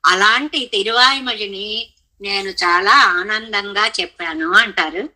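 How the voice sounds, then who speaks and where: Slow, bright-voiced woman teaching scripture. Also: medium pitch, poor audio. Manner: explains scripture, chanting Sanskrit verses. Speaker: religious teacher. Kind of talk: devotional scripture discourse.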